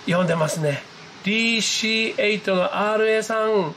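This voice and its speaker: Narrating his hobby video at home, a ham radio enthusiast speaks fairly quickly in a high-pitched voice, excitable and full of exclamations as he talks to himself and the screen. The rough recording comes from a handheld camera's mic pointed at his computer screen, with some noise behind him.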